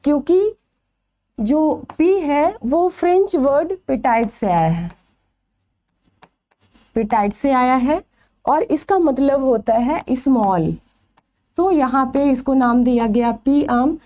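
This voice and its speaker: A woman's voice: sits high, expressive, slow, long pauses, mellow. A woman teaching a biology exam-prep lecture. She asks questions and answers them herself, stretching out the key terms.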